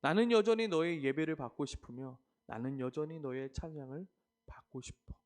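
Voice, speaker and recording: A man preacher voicing God as a tender, pleading father, sometimes dropping to a hush. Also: on the high side, moderate pace, lightly acted. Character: God speaking tenderly to his children.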